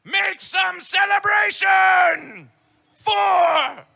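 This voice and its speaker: A festival master of ceremonies shouts hype in a very high, bright, forceful voice with vocal fry, speaking very slowly as chatter carries in the background. Like a carnival barker, he chants grandiose, repetitive, theatrical proclamations to the crowd.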